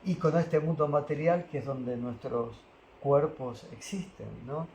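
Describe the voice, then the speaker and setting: A man, calmly explaining spiritual philosophy with pauses and Sanskrit terms. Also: a little high, roomy sound, lo-fi sound, slight background noise. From Argentina. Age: 60s. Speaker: spiritual teacher.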